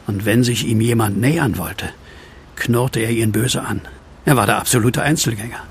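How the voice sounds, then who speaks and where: An actor voices a brooding widower haunted by a werewolf, narrating his own horror tale in first person for a German audio drama. Lightly acted, earnest and measured, he sounds hesitant and thoughtful in a medium-pitched voice with vocal fry. Music plays beneath, with a little hiss or hum.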